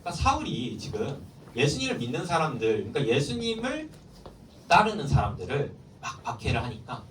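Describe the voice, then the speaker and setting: A man's voice: medium pitch, a little fast, slight background noise. A man preaching to middle schoolers as a youth pastor, storytelling and quizzing his listeners. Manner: lively, keeps quizzing the listeners. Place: church hall. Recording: echoey hall, mic far off, faint ambience.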